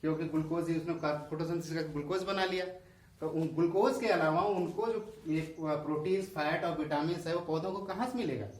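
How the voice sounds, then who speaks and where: Hindi accent guy teaching science class, voice kinda high, sounds far off in an echoey room. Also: a little fast. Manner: asks questions and answers them himself. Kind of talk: classroom lesson explaining diagrams.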